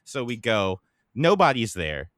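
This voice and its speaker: A man in his thirties co-hosting a podcast, telling a story in a halting, laid-back way. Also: mid-range voice, very animated, a bit bright, no room sound, clean studio sound. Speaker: podcast co-host. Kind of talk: casual chat.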